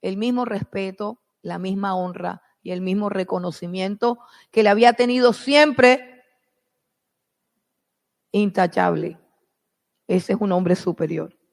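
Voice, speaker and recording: Preacher, sermon, slow and deliberate, gravelly, repeats phrases, loud bursts then hushed drops, long hall reverb. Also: medium pitch. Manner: dramatic retelling with sudden swells and drops in loudness.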